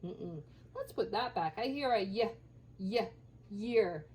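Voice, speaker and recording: A woman teacher leading a children's phonics lesson, sounding out letters slowly and encouragingly. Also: medium pitch, animated, a little mellow, breathy edge.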